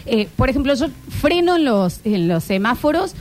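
A woman in her thirties with an Argentine accent, hosting a casual chat and telling stories in an animated way with many filler sounds. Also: on the high side, moderate pace, slight background noise. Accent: Argentine Spanish. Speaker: streaming show host.

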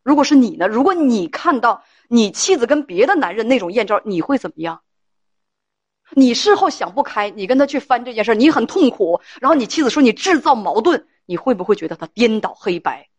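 A woman's voice: on the high side, big pitch swings, fairly quick, slightly rough, no echo. Scolding woman advice host, dry sound. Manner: scolding, emphatic, lecturing with rhetorical questions. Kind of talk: call-in advice talk.

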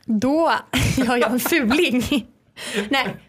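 En ung kvinna med ganska ljus röst sitter som gäst i en podd. Hon berättar livligt och härmar gärna vad andra sa. Samtalet är avslappnat och vardagligt. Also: female voice, sits high. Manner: lively anecdote telling, acting out what others said. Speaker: podcast guest, footballer. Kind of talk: casual chat.

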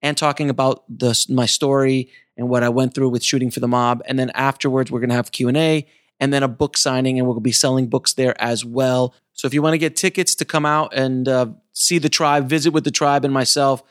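A man's voice: mid-range voice, no echo, clean studio sound. A man hosting a podcast and talking casually about his book, in an effusive, emphatic way. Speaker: podcast host and author.

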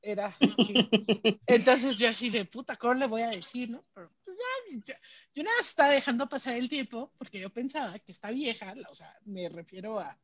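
A woman's voice: a little high, normal speed. A woman with a Mexican Spanish accent, telling stories in casual slangy chat. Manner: animated storytelling with slang.

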